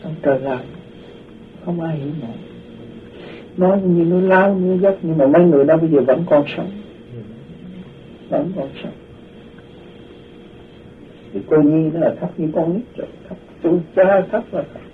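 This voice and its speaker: Here a storyteller with a slightly high voice gives spoken testimony about his past, animatedly imitating the people he describes. He moves at a moderate pace and pauses often, and the distant, tinny, phone-like audio carries a little hiss or hum.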